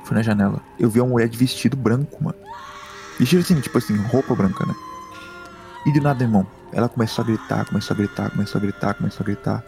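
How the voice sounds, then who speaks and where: Male podcast co-host, gravelly and mellow, excitable storyteller with faint music under. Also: mid-range voice, fast talker. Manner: excitable, repeats words and slang. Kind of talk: casual storytelling chat. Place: home room.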